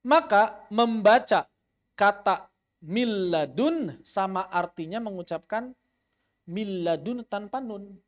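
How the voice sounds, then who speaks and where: Man, high voice, tajweed teacher who repeats terms and demonstrates recitation. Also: expressive, slow pace, long pauses. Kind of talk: online tajweed lesson.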